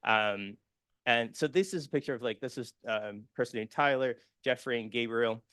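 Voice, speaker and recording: Male conference speaker, earnest and personal, bright tone, dry close sound. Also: medium pitch, moderate pace, smooth, dry recording. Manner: earnest and personal, many fillers and restarts. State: emotional, near tears. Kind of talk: conference presentation with slides.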